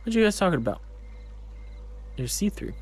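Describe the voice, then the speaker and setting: A man's voice: sits high, big pitch swings, a little fast, a little mellow, soft background music. A young man reacting and joking with friends while playing a game, laughing often. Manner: laughs often, crude jokes, reacts aloud. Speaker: gamer. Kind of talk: casual gaming chat.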